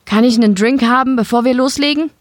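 A woman's voice: fairly high pitch, fast, no room sound, studio quality, voice pushed up, close to an everyday voice. A woman voicing a cocky young male gambler in trouble, with a brash, defiant manner.

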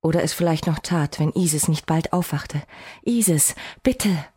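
Woman reading a fantasy story in first person, lowish voice, a bit raspy, dry jokes here and there. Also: level tone, brisk, dark tone. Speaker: audiobook narrator.

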